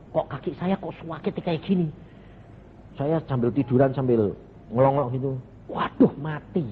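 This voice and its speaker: A male evangelist, telling his testimony in a sermon, dropping to low murmurs and jumping to sudden high shouts. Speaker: evangelist preacher. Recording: tinny phone-like recording in a reverberant hall with noise.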